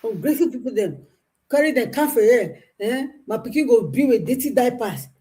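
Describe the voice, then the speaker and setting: A woman's voice: a little high, animated, a little fast, mellow. A woman speaking in a Nigerian Pidgin accent, a guest in the conversation who complains in clipped, indignant phrases. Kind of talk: casual conversation.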